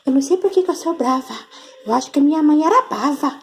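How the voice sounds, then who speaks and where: A woman's voice: high-pitched, animated, fast, pitched below the performer's own voice. A woman putting on a whiny pet cat. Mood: sulky. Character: cheeky grumpy female house cat.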